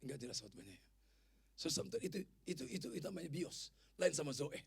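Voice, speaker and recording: Male pastor, middle-aged, preaching with humor; high, husky voice with gravelly edges. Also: fast. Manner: animated preaching with humor, addressing the congregation directly. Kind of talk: sermon. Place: church.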